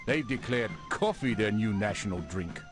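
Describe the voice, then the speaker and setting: An actor playing a proud, tea-starved British redcoat officer with a British accent, in a theatrical, blustery manner. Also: male voice, on the low side, lively intonation, moderate pace, natural voice. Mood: grumbling. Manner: theatrical, blustery, full of period exclamations. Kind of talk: 1990s educational game voice acting. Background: game music.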